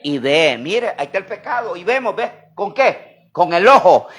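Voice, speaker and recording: A Salvadoran man preaching a sermon, calling on the congregation to repeat after him and swinging between loud emphasis and quiet asides. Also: high-pitched, sing-song, moderate pace, breathy edge. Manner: call-and-response preaching, asks congregation to repeat. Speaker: pastor.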